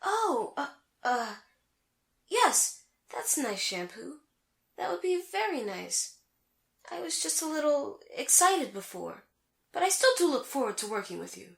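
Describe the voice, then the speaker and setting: A woman puts on a vain, grand sorceress for an anime comedy. The voice sits high and swings dramatically up and down, haughty and easily worked up. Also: big pitch swings, moderate pace, fairly bright tone. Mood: flustered. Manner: theatrical, haughty. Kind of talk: comedic fan audio drama acting.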